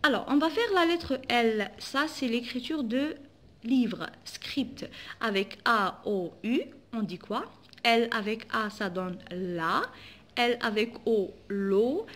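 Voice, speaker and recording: A woman's voice: a little high, takes it slowly, fairly bright tone. A woman teacher with an Algerian French accent, giving a phonics lesson for children and spelling out sounds syllable by syllable.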